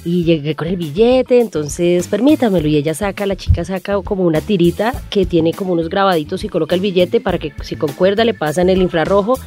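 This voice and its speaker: A woman's voice: lowish voice, fairly quick, hardly any pauses, dark tone, soft background music. A middle-aged woman with a Colombian Spanish accent, a guest in an interview, telling her own story vividly and acting out the voices of the people in it. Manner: vivid storyteller who acts out the voices of others. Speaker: guest, lottery winner.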